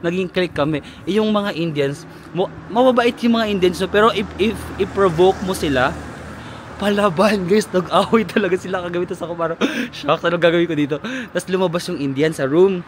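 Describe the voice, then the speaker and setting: Holding his phone outdoors in a wintry town, a Filipino travel vlogger chats casually, telling a playful, gossipy story with English mixed in. His voice sits high and his delivery is brisk, with faint street noise behind him.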